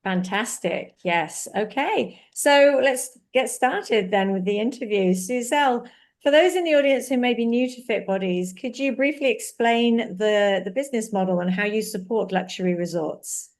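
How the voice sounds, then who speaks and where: A woman's voice: a little high, animated, normal speed. A woman hosting a podcast interview, giving brief affirmations and asking questions. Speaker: interview host.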